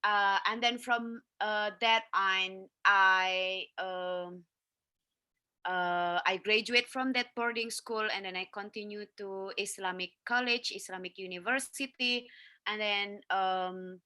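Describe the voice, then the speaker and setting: A woman on an online panel, talking slowly and haltingly with frequent fillers and restarts. Her voice is bright and the sound is dry and close, the way a video call picks it up. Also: medium pitch, fairly even intonation, clean tone, dry recording. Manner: hesitant, many fillers and restarts.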